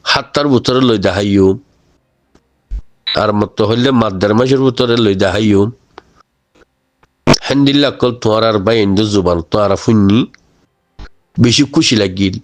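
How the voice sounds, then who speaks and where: A man with a Rohingya accent close to Chittagonian speaks informally to his community, exhorting them and often checking with rhetorical questions that they follow. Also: fairly low pitch. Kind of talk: informal spoken address.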